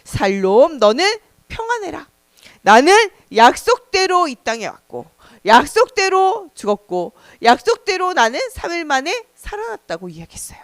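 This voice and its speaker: A woman voicing the risen Jesus as a calm, gentle man who speaks slowly and solemnly. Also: high-pitched, no echo, studio quality. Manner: slow, soft and solemn.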